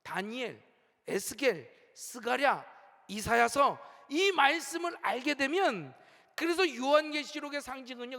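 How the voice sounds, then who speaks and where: A middle-aged man preaches a sermon with a lively, swooping delivery, pushing his points home and calling on the congregation to answer. His voice sits very high and has a bright, gravelly edge. The sound carries the long reverb of a large church sanctuary. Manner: emphatic preaching, rising and falling, leads the congregation in call-and-response. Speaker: senior pastor.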